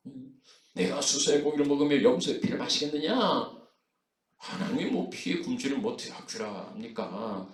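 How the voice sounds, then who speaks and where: A man's voice: medium pitch, echoey room, distant mic. A man preaching a sermon as pastor, in a conversational way with frequent fillers and rhetorical questions. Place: church sanctuary.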